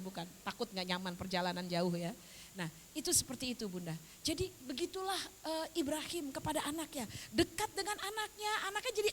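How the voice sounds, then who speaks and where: Older woman religious teacher, Indonesian accent, lively storyteller, fairly high voice, hall reverb with faint hiss. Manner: animated, acts out the voices of her story.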